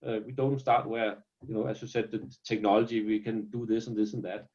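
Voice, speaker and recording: This Danish company founder speaks earnestly yet briskly, in a fairly low, steady voice with a darkish tone and a Danish accent. The video-call business interview has its highs cut off, and he often repeats words while restarting.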